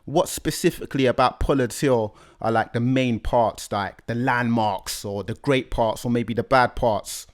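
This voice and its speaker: A man's voice: mid-range voice, a little slow, hardly any pauses. A man with a London accent hosting a casual interview, using conversational urban slang. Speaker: interview host.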